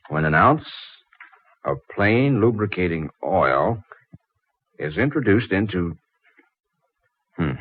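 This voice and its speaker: A man's voice: low-pitched, husky, heavily acted. An actor playing a brash, flustered young stranger in a 1940s radio drama, stammering and fumbling his words. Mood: musing. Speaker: out-of-town engineer visiting a library. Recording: dull old radio recording.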